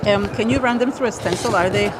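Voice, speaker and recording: A woman's voice: medium pitch, quick pace. A woman chatting casually and asking tentative questions as a visitor at a demonstration. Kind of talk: casual chat. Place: busy convention booth. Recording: noisy trade show floor background.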